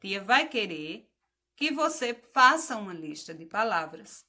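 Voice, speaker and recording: A woman's voice: mid-range voice, sing-song, measured pace, pushed and bright. A woman teacher giving a patient phonics lesson to children, spelling out letters, asking questions and praising the answers.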